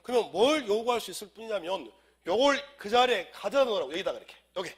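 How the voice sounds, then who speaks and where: A man's voice: high-pitched, lively intonation, quick pace, breathy edge. A man lecturing on civil law for an exam class, who has a cold, drilling students in call-and-response and firing rhetorical questions.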